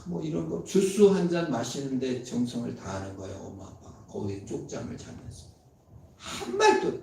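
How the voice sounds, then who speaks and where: Mellow-voiced pastor preaching in an echoey hall. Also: male voice, mid-range voice, wildly swooping pitch, moderate pace, gravelly, a little hiss or hum. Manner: dramatic, swings between loud emphatic and hushed tender delivery. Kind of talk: sermon. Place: church sanctuary. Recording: very echoey, from far off.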